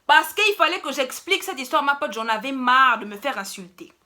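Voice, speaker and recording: A young woman tells a story casually, animated and playful with plenty of slang. Her voice sits high and sounds bright and forward. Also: a little fast. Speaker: vlogger.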